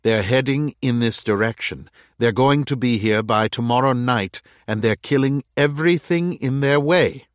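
A man voicing a careful, patient male adviser who speaks in measured tones, in a dry recording. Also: mid-range voice, dry recording, voice pushed up, lightly acted. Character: careful, level-headed man advising the mayor.

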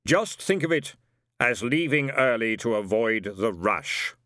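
A man voicing Death, a towering skeletal male reaper who speaks slowly and gravely. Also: medium pitch, animated, fairly bright tone, dry recording, clean studio sound. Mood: solemn.

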